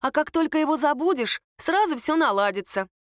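A cheerful young woman friend from a storybook, voiced by a woman narrator, coaxing and upbeat, bossy toward her little brother. The voice is pitched high and sounds close and dry. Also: lively intonation, fairly quick, dry recording.

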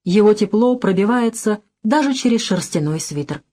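Calm woman narrating an audiobook. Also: mid-range voice, moderate pace.

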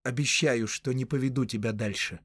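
A man voicing a grave young male hero in an audiobook, speaking in a stern, measured way. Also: medium pitch, steady tone, fairly bright tone, dry recording, clean studio sound, close to an everyday voice.

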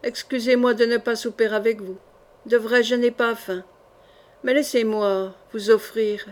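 A woman reading an audiobook, voicing a calm and gallant young knight who speaks gently and steadily. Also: a little high, measured pace, natural voice.

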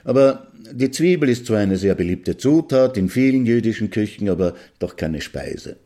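A man's voice: fairly low pitch, animated, moderate pace, warm tone. A man hosting a podcast, telling jokes in a wry, conversational monologue that addresses the listener directly. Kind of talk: storytelling monologue.

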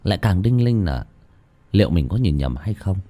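Male horror narrator: low, dramatic, suspenseful, very expressive. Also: normal speed. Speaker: storyteller. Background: faint music.

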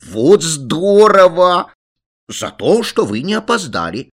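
A man voicing rowdy little brothers in a children's story, shouting boisterously. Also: medium pitch, very animated, a little slow, breathy edge, heavily acted. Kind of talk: storybook reading.

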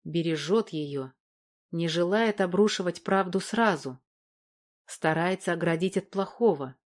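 A woman narrating an audiobook in an even, measured storytelling voice. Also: lowish voice. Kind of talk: scripted narration.

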